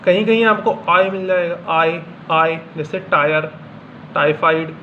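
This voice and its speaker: A man teaching pronunciation in Hindi, reading out example words one at a time in a slow, deliberate way. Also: sits high. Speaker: English teacher. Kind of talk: classroom lesson explaining pronunciation. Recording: dull lo-fi sound with faint room hum.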